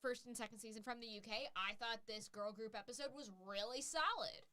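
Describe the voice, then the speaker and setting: Bubbly bright-voiced woman co-host. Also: fairly high pitch, fairly quick. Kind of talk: casual livestream chat.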